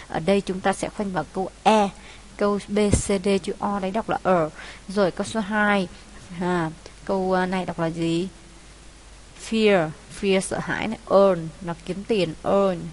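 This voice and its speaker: A woman English teacher with a Vietnamese accent, working slowly through an exam and explaining each answer with many pauses. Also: on the low side. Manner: unhurried, many hesitations, explains step by step. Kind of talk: exam walkthrough lesson. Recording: faint hiss.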